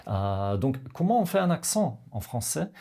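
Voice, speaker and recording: A man teaching pronunciation to learners, talking slowly with many pauses and hesitant fillers. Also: mid-range voice, very animated, creaky, warm tone. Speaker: language teacher.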